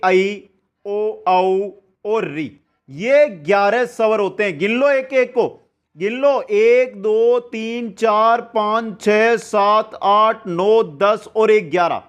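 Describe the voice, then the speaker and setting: A man teaching an online grammar class, explaining step by step and answering his own questions as he goes. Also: high-pitched. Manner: drags out sounds and counts slowly.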